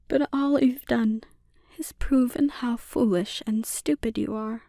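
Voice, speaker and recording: A woman playing a menacing, condescending, dominant witch in a breathy, often whispered ASMR roleplay. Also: a little high, dark tone, dry recording, studio quality. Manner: slow, deliberate, condescending.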